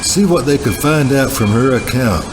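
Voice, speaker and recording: A man playing a self-important, slangy hardboiled sleuth, narrating a film noir parody in a terse deadpan. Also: medium pitch, moderate pace, noisy background, lightly acted. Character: self-important hardboiled male private-eye type, slangy bank manager. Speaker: narrator and lead character. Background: music under the voice.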